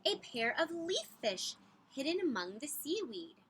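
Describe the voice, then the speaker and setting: A woman reading a children's picture book aloud in an expressive, emphatic way, drawing out some words. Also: sits high. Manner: animated, emphatic, with drawn-out words. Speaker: storybook reader.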